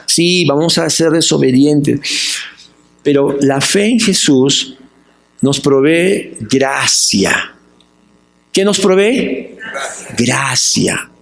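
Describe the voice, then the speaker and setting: Peruvian male pastor, high-ish voice, animated sermon, plays the people he quotes. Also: slow. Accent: Peruvian Spanish. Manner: animated preaching, asks questions and answers them.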